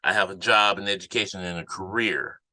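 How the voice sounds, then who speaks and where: Here is a man hosting a political commentary podcast in a low, forceful voice. He speaks off the cuff with indignant emphasis and circles back over phrases to drive them home. The sound is dry, with very little room. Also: steady tone, a little fast, no room sound. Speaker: podcast host.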